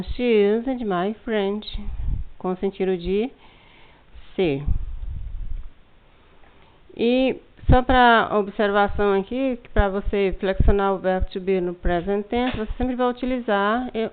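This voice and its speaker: A woman's voice: medium pitch, clear, resonant tone. A woman with a Brazilian Portuguese accent, teaching a remote English lesson and explaining patiently step by step, often prompting students to look. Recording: tinny phone-like lo-fi sound.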